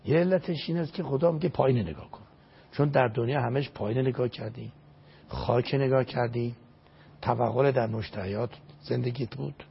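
Gravelly older man, emphatic preaching. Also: mid-range voice, slight background noise. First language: Azerbaijani. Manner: emphatic, recites Arabic verses, repeats phrases for stress. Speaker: religious scholar. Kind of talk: religious lecture in an interview. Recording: dull lo-fi recording.

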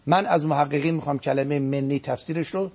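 Gravelly, husky man preaching earnestly. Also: fairly high pitch, a little mellow. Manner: earnest, emphatic preaching with repetitions. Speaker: guest cleric. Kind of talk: religious lecture on a broadcast program.

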